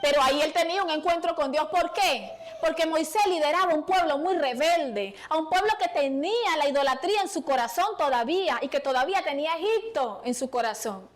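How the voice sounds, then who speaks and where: A woman's voice: sits high, lively intonation, fairly quick. A woman preacher giving a fervent sermon in a small church, calling out to the congregation and pleading with them.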